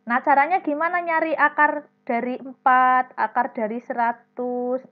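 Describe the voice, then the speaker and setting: A woman with a fairly high voice teaches a primary class over a video call, patiently walking the pupils through each step and calling on them by name. The audio is dull and lo-fi, with a faint mains hum under it. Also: fairly even intonation, normal speed. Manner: patient, explains step by step, calls students by name.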